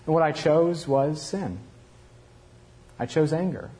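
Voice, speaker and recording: A man's voice: a little high, slow pace, mellow. A man playing Cain in a first-person dramatic monologue, telling his story in a confessional, reflective way. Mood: regretful. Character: Cain, aging regretful male murderer looking back.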